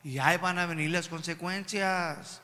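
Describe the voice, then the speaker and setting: Male preacher, emphatic sermon, high voice, long hall reverb. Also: fairly even intonation, normal speed, sharp tone. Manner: emphatic, keeps addressing the congregation as brothers.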